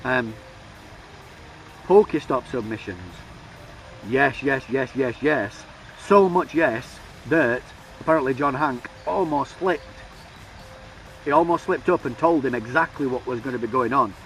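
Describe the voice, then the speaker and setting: Male vlogger, enthusiastic, rapid-fire delivery, middle pitch. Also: recorded from a distance, soft background music, poor audio. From United Kingdom. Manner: excitable, enthusiastic, talks fast. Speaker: YouTuber. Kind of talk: casual vlog commentary.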